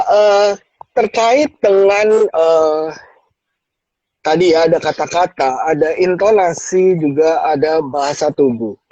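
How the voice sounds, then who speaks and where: A male host asks his guest questions in a relaxed chat, with many fillers and quick agreements. His voice is high and mellow. The recording is dry and dull. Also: no room sound. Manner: agreeable, many short affirmations, hesitant fillers. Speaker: talk show host. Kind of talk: casual interview chat.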